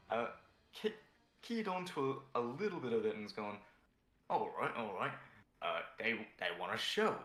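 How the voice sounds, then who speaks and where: A man's voice: medium pitch, a bit bright, reverberant. A man playing a tabletop game, describing his character's moves casually and hesitantly. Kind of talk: casual in-game role-play chat.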